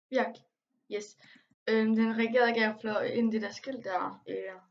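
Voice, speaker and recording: A young woman giving casual gameplay commentary, excitable and quick to exclaim and complain, with English slang mixed in. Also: fairly high pitch, muffled recording. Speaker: gaming vlogger.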